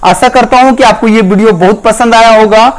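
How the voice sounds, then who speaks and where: A man's voice: high-pitched, a little fast, rough recording. A man hosting a tech channel, giving earnest, direct advice to viewers in a voice-over explainer.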